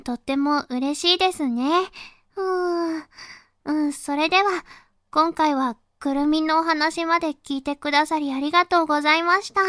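A woman from Fukuoka with a Hakata accent, a voice performer chatting casually to her listeners in a soft, unhurried way full of small fillers. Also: high voice, no room sound, studio quality. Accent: Hakata dialect. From Fukuoka, Japan. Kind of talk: casual afterword talk to listeners.

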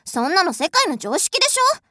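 A woman's voice: very high voice, very animated, fairly quick, pushed and bright, no echo, studio quality, full character voice. A woman voicing a haughty, spoiled rich young lady who is bossy, cruel and scornful, in an audio drama. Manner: imperious, scornful, mocking. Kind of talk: adult audio drama role-play.

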